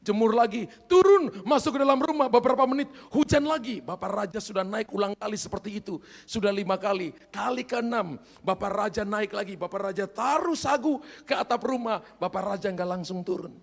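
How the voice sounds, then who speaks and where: High-voiced gravelly man preaching. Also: brisk. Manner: lively storyteller acting out voices of his characters. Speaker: pastor. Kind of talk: storytelling sermon. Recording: reverberant hall.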